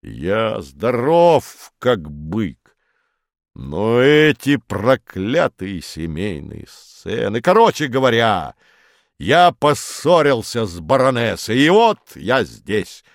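A man voicing a huge, boisterous, red-cheeked baron who talks in a booming, drawn-out, blustering way, in a storybook reading. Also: big pitch swings, gravelly, no echo, studio quality, full character voice. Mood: indignant.

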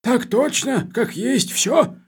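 A man voicing a fussy, anxious male commandant in an audiobook, with a squeaky, gravelly, pleading voice. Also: unhurried, darkish tone, exaggerated voice. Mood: eager. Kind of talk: audiobook character voice.

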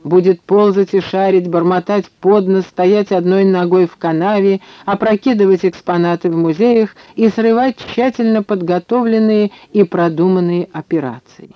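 Guy narrating an audiobook, pretty high voice, dry dull recording. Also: fairly even intonation, normal speed, hardly any pauses, dry recording. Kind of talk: scripted narration.

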